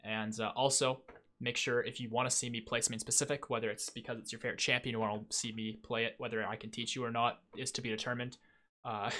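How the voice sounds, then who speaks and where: A man's voice: mid-range voice, pushed and bright. A young man hosting a gaming channel, chatting casually and self-critically through a post-game review with lots of fillers. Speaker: gaming video host.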